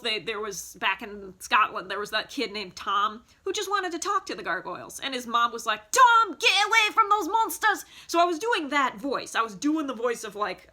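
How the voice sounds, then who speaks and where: A woman in her thirties talks casually in her basement, rambling with plenty of fillers and false starts. Her voice is bright and forceful and sits a little high. She is recorded on a phone. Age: 30s. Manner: rambling, chatty, many fillers and restarts. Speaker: vlogger. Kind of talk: casual nostalgic show-and-tell. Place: home basement.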